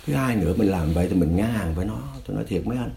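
A man's voice: low voice, rapid-fire, creaky, dark tone, slight background noise. An older man from Vietnam earnestly recounting his own past, often quoting himself and others. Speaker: storyteller recalling his past. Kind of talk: personal testimony.

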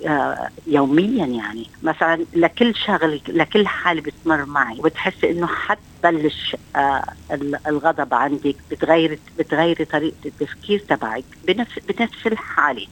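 A woman's voice: low voice, brisk, low-quality recording. A middle-aged woman with a Levantine Arabic accent, a social counselor explaining things in a radio interview, thinking aloud with many fillers and restarts.

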